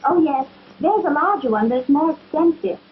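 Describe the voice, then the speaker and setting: A young small-town shopgirl in an early talkie film, polite and naive. Her voice is high-pitched. The old 1930 soundtrack is dull, with clear noise over it. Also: expressive, normal speed. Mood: polite, coy.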